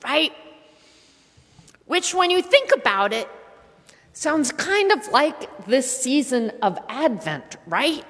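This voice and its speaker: A woman pastor giving a sermon, playful and animated, with voiced asides. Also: high-pitched, slow, pauses often. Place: church. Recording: church hall reverb.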